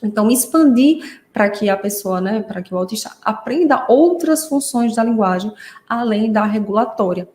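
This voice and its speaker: A woman speech therapist teaches parents in a live online class, explaining with patient warmth and often checking in with "né?". Her voice is fairly high and expressive, at a moderate pace, and the recording has a roomy echo.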